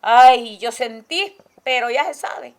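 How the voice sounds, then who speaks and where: An older woman giving testimony in a halting way, often checking in with her listener. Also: a little high. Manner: halting, tagging lines with "¿verdad?". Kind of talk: spoken testimony in a documentary. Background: music.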